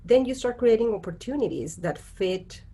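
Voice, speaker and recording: A woman's voice: on the high side, lively intonation, normal speed, dark tone, slightly rough. A woman from Costa Rica, speaking as a guest on a virtual panel, explaining earnestly and often checking in with "right?" over a video call. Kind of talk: conversational virtual panel talk.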